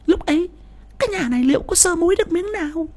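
A man voicing a shrill, greedy, scolding wife in an audiobook story. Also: expressive, fast. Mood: snapping. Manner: shrill, sharp, nagging. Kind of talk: audiobook character voice.

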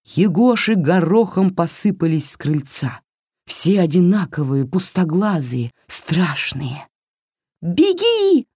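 A woman narrating a fairy tale for an audiobook in a measured, expressive way, close to the mic. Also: low voice, breathy edge, no echo.

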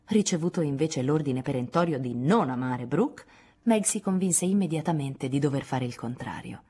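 A woman reading a classic novel aloud as an audiobook, in measured, expressive narration. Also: deep voice, breathy edge. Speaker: audiobook reader. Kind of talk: scripted literary narration.

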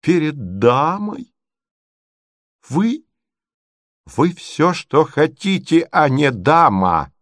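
Storybook voice, furious jilted young gentleman as a man reads him, raised shouting, dry close sound. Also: medium pitch, creaky, no echo, close to an everyday voice. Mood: outraged. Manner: shouting, indignant, drawn-out outbursts.

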